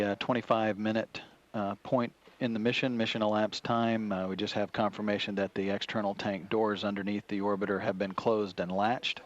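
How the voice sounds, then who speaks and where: A man giving live spaceflight commentary from mission control in a measured, halting, official way. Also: fairly low pitch. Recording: slightly dull broadcast audio.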